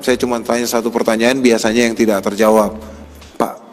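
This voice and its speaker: A man's voice: medium pitch, little pitch movement, quick pace, in a large hall, soft background music. A man giving a religious lecture with mocking, sarcastic asides.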